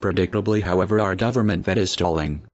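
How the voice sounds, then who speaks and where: A man speaks through a disguised, electronically deepened voice that sits very low. He delivers a defiant, declamatory scripted protest statement. The audio is dull and lo-fi. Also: fast, darkish tone. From Australia. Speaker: activist spokesperson.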